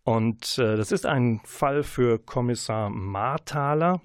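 Ein Radiomoderator stellt locker Bücher und Hörbücher vor, oft mit kleinen Ähs. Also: male voice, mid-range voice, slow pace, clear, resonant tone, no echo, studio quality. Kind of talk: Radiomoderation, Buchvorstellung.

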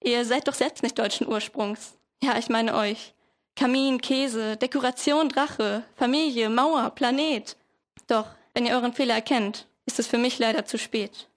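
A woman's voice: on the high side, unhurried, lightly acted. A teenage woman voicing the male chieftain of the new words, dignified and reproachful. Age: teens.

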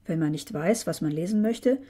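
A woman doing a calm, low librarian. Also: moderate pace, close to an everyday voice. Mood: friendly. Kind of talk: storybook reading.

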